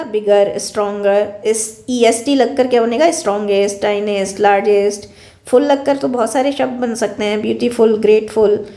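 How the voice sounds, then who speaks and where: A woman's voice: mid-range voice, mellow. A young woman teaching English vocabulary in a recorded lecture, explaining each word's meaning and repeating it for students. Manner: explains word by word, repeating meanings, mixing in English example sentences. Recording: echoey room.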